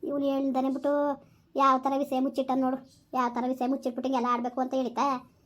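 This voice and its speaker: A woman's voice: high voice, completely flat delivery, quick pace, slight background noise, lightly acted. A woman playing a middle-aged village aunty, lecturing with rhetorical questions. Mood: bitter. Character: scheming older village aunty, scolding mother-in-law type. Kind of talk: village skit acting.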